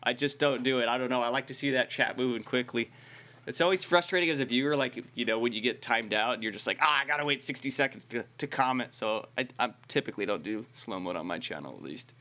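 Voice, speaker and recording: A man's voice: mid-range voice, quick pace, pushed and bright. An American man co-hosting an esports livestream, talking in a laid-back, rambling way with lots of "like" and "dude". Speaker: esports stream co-host. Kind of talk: casual livestream chat.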